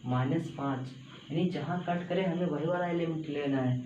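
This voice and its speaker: A man walks students through a math problem at a board, repeating each step and coaxing them along. His voice sits a little high but sounds mellow. The room is echoey, and the audio is a bit dull with faint background noise. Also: moderate pace. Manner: repetitive, coaxing, says "bhai" and "hai na" often. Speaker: math teacher. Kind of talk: chalkboard math lesson. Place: classroom with a small board.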